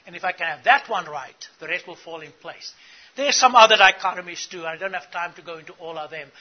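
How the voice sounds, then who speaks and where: Talking quickly in a voice that sits high, a middle-aged South African man gives church leaders an earnest teaching talk at a conference, quizzing the audience along the way. The audio is lo-fi.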